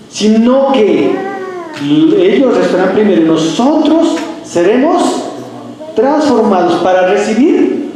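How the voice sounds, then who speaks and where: A male pastor delivers an emphatic sermon, pressing his listeners with rhetorical questions. His voice sits high yet sounds mellow and dark in tone. It rings around a very echoey church room. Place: church sanctuary.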